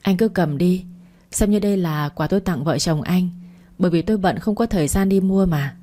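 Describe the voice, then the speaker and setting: A woman's voice: on the low side, moderate pace, warm tone, lightly acted. Woman reading as a kind young chairman. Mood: warm. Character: young male company chairman, kind, teasing.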